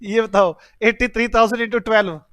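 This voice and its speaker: High-voiced teasing male teacher. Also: fairly even intonation, normal speed, fairly bright tone, dry recording. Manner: teasing, joking with students while calculating aloud; mixes English numbers into Hindi speech. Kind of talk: classroom lecture solving problems.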